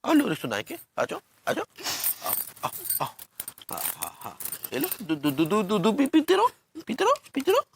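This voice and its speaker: A man's voice: high voice, wildly swooping pitch, moderate pace, slight background noise, full character voice. An actor playing a flustered middle-aged husband in a sitcom, stammering and sing-song as he coaxes his childlike wife. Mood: coaxing. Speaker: sitcom character. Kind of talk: broadcast sitcom acting.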